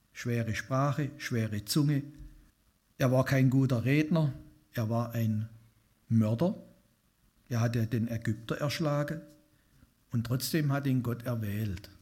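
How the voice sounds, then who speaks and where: A man's voice: medium pitch, slow pace, pauses often, a little mellow, husky. Man giving a chatty sermon. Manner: conversational, asks the congregation questions. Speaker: lay preacher. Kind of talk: informal sermon.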